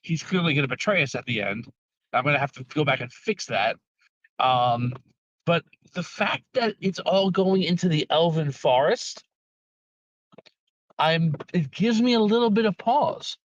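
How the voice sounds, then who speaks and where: A man's voice: on the high side, expressive, measured pace, no echo. A man taking part in a casual chat about a game over a car speakerphone while he drives. He thinks aloud and rambles. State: talking while driving. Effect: car speakerphone call. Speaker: tabletop game player. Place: in a moving car. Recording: dull lo-fi call audio, dropping in and out.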